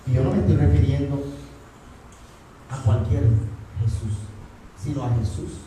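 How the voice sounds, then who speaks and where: A man's voice: mid-range voice, fairly even intonation, a little slow, dark tone, a little hiss or hum. A man preaching a sermon as a pastor, often asking his listeners rhetorical questions. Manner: asks the congregation rhetorical questions. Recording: echoey church hall from far off.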